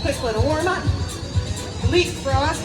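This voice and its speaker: Over loud music and a noisy crowd outdoors, a woman street performer works her audience in a high voice. She takes her time, pitching playful kids' magician patter with countdowns, prompts and self-mocking jokes. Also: unhurried. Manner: joking, self-mocking asides. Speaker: street performer, hula hoop juggler. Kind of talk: comedic live street show patter to a crowd.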